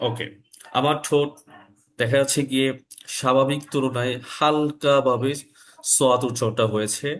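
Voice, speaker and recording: A man teaching Arabic letter pronunciation in an online lesson, slow and deliberate, repeating each sound for his learners. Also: medium pitch, fairly even intonation, fairly bright tone. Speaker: Quran recitation teacher.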